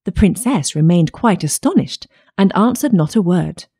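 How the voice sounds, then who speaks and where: Woman, fairytale narrator, low voice, mellow tone, measured. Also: animated, slightly rough.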